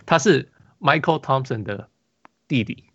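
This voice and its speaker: A man's voice: medium pitch, expressive, unhurried, fairly bright tone, breathy edge, no room sound, lo-fi sound. A man with a Taiwanese Mandarin accent, hosting a casual basketball podcast, telling a rambling story full of restarts and fillers. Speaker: podcast host.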